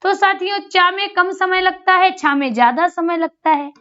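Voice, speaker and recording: A woman's voice: very high-pitched, steady tone, moderate pace, a bit bright, muffled recording. A woman teaching grammar in an online exam-prep lesson. She asks a question, answers it, then repeats it, and she sounds out syllables aloud for drilling.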